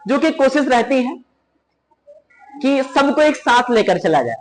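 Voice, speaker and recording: A man's voice: very high-pitched, big pitch swings, a little slow, soft background music, rough recording. A man teaching a class, retelling a story and turning it into moral advice with questions to his students. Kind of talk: classroom lesson explaining a story.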